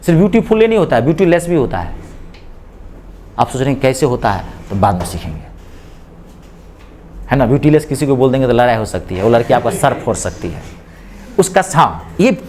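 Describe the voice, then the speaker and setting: A man's voice: medium pitch, big pitch swings, a little fast, long pauses, a little mellow, slight background noise. A man teaching a classroom English grammar lecture, drilling students with repeated questions and slipping English phrases into his explanations. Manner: mixes spoken English phrases into Hindi explanations.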